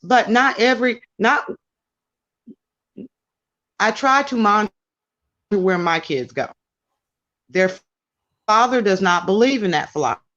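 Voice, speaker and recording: A woman's voice: medium pitch, animated, a little slow, long pauses, a bit bright. Woman on a crackly, dropping call line. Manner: emphatic, rambling with restarts. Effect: crackly, dropping remote call line. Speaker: call-in guest. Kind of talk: casual talk show discussion. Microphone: remote call. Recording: dull lo-fi call audio.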